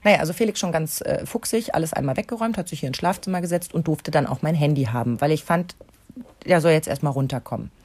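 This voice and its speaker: A German-accented woman, a podcast host and mother, telling a story in casual chat, acting out the quoted dialogue in a lively way. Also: low voice, fast talker, no echo.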